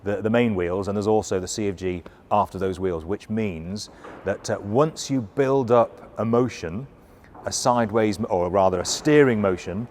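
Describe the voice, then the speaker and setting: A middle-aged or older man giving an informal, hands-on briefing as a flight instructor, explaining in a halting, self-correcting way. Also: fairly low pitch, darkish tone, a little hiss or hum.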